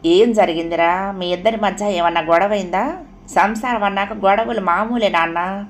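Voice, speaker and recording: A woman voicing an older village father who speaks in measured, probing questions in a storybook reading. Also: medium pitch, steady tone, a little hiss or hum, lightly acted. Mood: gentle.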